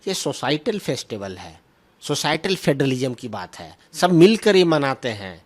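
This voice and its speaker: Very animated and mid-range in pitch, a man speaks at normal speed as a party spokesman fielding questions in political press remarks. He is argumentative, repeats himself for emphasis, and drops English terms into his speech.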